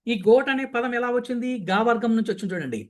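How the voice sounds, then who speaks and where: A man's voice: extremely high pitch, expressive. A man teaching spoken English, who repeats each sound several times and answers his own questions. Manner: drills sounds by repeating them slowly and with emphasis; asks questions and then answers them himself. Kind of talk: language lesson.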